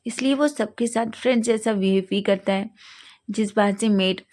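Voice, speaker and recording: A woman reads a fanfiction love story aloud, often stumbling and correcting herself mid-sentence. Her voice is medium-pitched and darkish, at a moderate pace.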